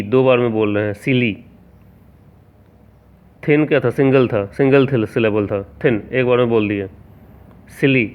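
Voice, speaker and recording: In a grammar lesson, a man with a clean, mid-range voice spells words out one letter at a time and keeps putting rhetorical questions to the class. The sound is tinny, like a phone.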